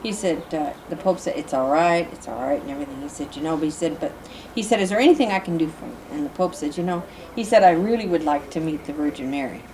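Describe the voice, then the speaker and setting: An older woman tells jokes to her family in a lowish voice. She goes haltingly, looping back on "he said" between lines. A noisy home recording hums behind her. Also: a little mellow. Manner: halting, repeats "he said" often. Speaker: joke teller among family. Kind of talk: casual joke telling.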